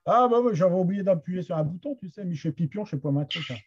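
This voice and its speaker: A man's voice: high voice, animated, quick pace, darkish tone, soft background music. A man with a Somme Picard accent teaching Picard literature in an online master class, hesitant, with many restarts and fillers. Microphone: computer mic on a video call. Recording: dull lo-fi video call audio.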